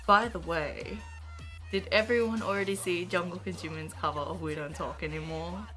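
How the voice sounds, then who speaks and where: A young woman talks to her camera from bed, her voice stuffy and nasal from a cold. Her tone is low-pitched yet bright and forceful as she rambles with filler words, and soft music plays behind her. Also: steady tone, normal speed. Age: young adult. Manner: chatty, rambling, swears casually, frequent fillers. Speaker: vlogger. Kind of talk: casual storytelling vlog. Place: in bed in a dark bedroom, early morning. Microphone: camera in front of her.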